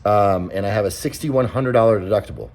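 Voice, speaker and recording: A man's voice: fairly low pitch, a little fast, darkish tone, low-quality recording. Blunt, profane man ranting casually. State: out of breath. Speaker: vlogger. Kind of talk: casual vlog rant.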